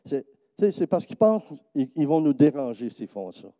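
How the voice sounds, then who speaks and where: A man's voice: moderate pace, no room sound. A man preaching with a Quebec French accent, telling stories and acting out the people in them. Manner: lively storytelling, acting out quoted people in a higher voice. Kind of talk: sermon testimony. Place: church.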